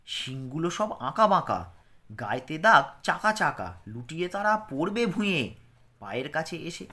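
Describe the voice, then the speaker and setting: A man teaches young pupils from a textbook, reciting its verse with a rhythmic lilt before explaining the words in plain terms. His voice is bright and forceful, and his pitch swings widely. He speaks like a patient classroom teacher. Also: very animated, a little slow. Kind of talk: reading aloud and explaining a children's textbook.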